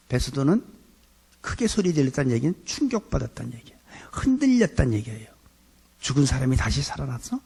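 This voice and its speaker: Gravelly, husky middle-aged male pastor. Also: fairly high pitch, mellow. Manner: conversational preaching with acted quotes. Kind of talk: sermon.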